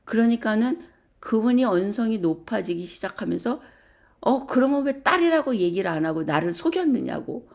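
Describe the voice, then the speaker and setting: A middle-aged woman telling a personal story to a church group, animated and full of hesitant fillers. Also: on the high side, normal speed, gravelly. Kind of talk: casual storytelling.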